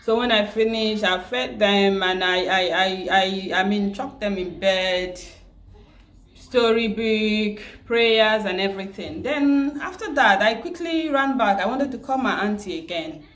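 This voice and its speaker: A grieving woman with a Nigerian accent, from Nigeria, telling a personal story at home in a halting, tearful way, repeating words and restarting often. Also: medium pitch, a bit bright. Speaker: vlogger. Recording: roomy echo.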